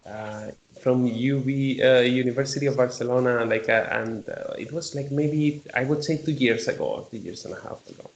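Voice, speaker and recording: Male professor from Spain, halting speech, gravelly, roomy echo. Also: medium pitch, steady tone, dull audio, a little hiss or hum. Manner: hesitant, many fillers. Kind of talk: casual video call discussion.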